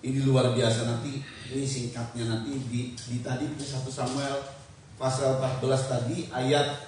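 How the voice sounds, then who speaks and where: A man who is a pastor preaching a sermon, animated and calling out responses as scripture is read. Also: mid-range voice, normal speed. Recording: echoey hall from far off, faint noise.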